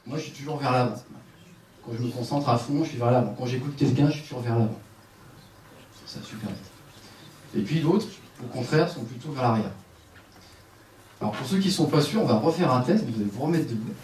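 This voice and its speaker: A man giving a live conference talk on a headset mic, lively and directive, joking with his audience. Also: medium pitch, a little fast, pauses often, far from the mic, slight background noise. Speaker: conference speaker. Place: conference room with seated audience. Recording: echoey room, speaker off-mic at times.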